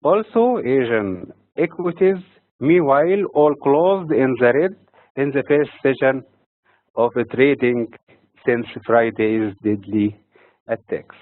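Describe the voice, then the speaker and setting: A man from Egypt delivering a scripted economic and financial markets commentary in a measured, read-from-notes manner. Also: mid-range voice, dry recording. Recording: dry, tinny phone-like audio.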